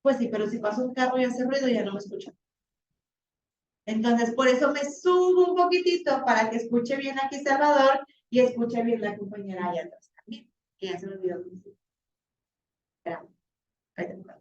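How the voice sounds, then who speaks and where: A woman teacher, slightly hoarse, lecturing a class in a chatty, animated way with many fillers. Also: on the high side, moderate pace, long pauses. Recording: roomy, distant, dull classroom recording.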